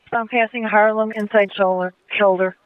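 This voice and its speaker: A man's voice: high voice, steady tone, normal speed, slight background noise. A man dispatching over police radio, repeating back each report in short clipped phrases. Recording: tinny police radio transmission.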